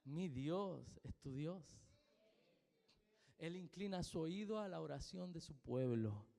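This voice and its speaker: Preaching slowly in a mellow, creaky, slightly high voice, a pastor with a Chilean accent addresses his church congregation expressively and emphatically. He repeats his points and asks them questions, and the sanctuary gives a long reverb.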